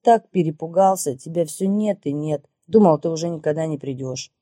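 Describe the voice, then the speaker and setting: A woman's voice: low-pitched, normal speed, warm tone, no echo, studio quality. A woman voicing an emotional, exclaiming man in an audiobook. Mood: subdued. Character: excited man, a reformed businessman.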